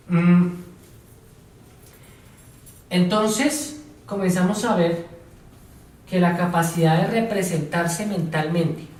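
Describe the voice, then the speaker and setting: A man's voice: on the high side, darkish tone, slight background noise. A man teaching a psychology class, asking his students questions and repeating their answers. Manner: tells examples step by step, now and then playing a teacher or patient. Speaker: psychology lecturer. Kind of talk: classroom lecture. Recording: very echoey room, voice from far off.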